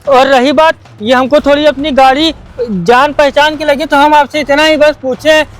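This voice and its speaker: A man's voice: very high voice, fairly bright tone. A man acting a scrap dealer in a scripted drama, polite but firm and indignant. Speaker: scrap dealer hiding his wealth in a short film.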